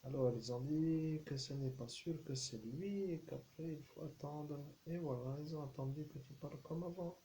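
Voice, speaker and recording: Gravelly, dark-voiced man rambling as a medium. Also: fairly high pitch, normal speed, hardly any pauses, a little hiss or hum, poor audio. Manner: meandering, slipping into murmurs and whispers. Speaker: self-styled medium. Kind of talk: rambling channeled message.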